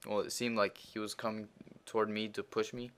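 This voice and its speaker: A gaming commentator, a Russian-accented teenage boy, rambles through a crude, swear-filled anecdote over gameplay with plenty of fillers. The male voice is fairly low, flat, brisk, clear and resonant. He becomes louder and more heated while retelling the argument.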